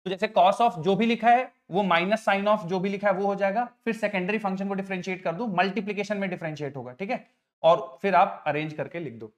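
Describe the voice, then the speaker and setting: A man's voice: high voice, brisk. A middle-aged man teaching maths to a class, patient, often checking whether the students follow on the terms. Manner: patient, addresses students as children, asks frequent check questions.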